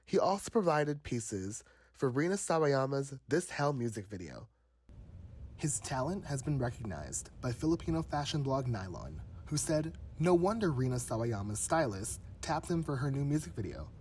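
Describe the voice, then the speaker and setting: A man's voice: medium pitch, big pitch swings, normal speed, darkish tone. A man narrating a short feature as a reporter, reading a script in an upbeat, promotional tone.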